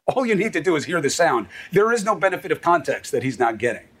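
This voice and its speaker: A man's voice: fairly high pitch, sing-song, fast, fairly bright tone, slightly rough. A middle-aged man delivering emphatic, sarcastic opinion commentary as a news anchor.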